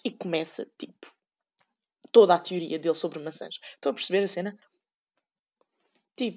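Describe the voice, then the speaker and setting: A woman's voice: mid-range voice, a little mellow. A young woman with a European Portuguese accent, rambling sarcastically in a casual solo podcast and acting out quoted voices. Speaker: podcast host.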